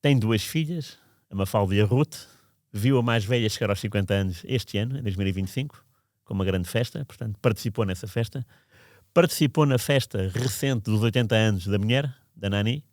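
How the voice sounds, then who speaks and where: A male podcast storyteller looks back on events casually, drifting along and restarting sentences often. He talks fairly quickly in a fairly low, darkish voice, and the studio-quality recording has no room sound.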